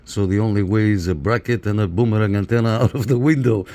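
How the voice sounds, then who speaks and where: Talking fast in a fairly low voice, a man from Canada casually reviews radio equipment while using it, repeating short phrases again and again. The recording carries clear background noise.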